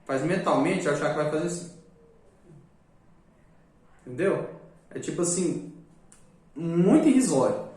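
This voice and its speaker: A man teaching a live class, casual and joking, often tagging his points with a quick question. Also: a little high, big pitch swings, a little mellow. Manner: joking, chatty, repeats "né?" often. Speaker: magic course teacher. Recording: echoey room, distant mic.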